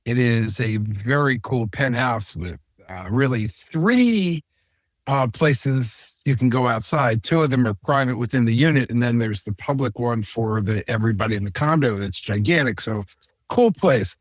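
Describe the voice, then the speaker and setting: A man's voice: medium pitch, animated, moderate pace, dry recording. A man hosting a real estate show, chatting casually in a rambling, joking way with many asides. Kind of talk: casual on-camera chat.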